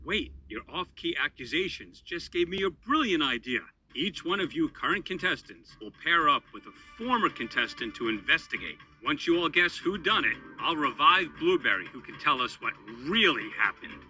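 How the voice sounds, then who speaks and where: Imperious cartoon competition host, very sharp, animated, emphatic announcer delivery. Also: male voice, fairly high pitch, moderate pace, few pauses, faint music behind, low-quality recording. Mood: scheming, excited. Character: imperious, excitable male cartoon game-show host gadget.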